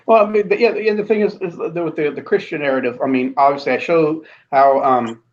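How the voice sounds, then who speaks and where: Man, guest on a talk show, rambling and blunt, higher-pitched, on dull lo-fi audio. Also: brisk. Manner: rambling, many restarts and fillers; blunt, with casual swearing. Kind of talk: casual conversation.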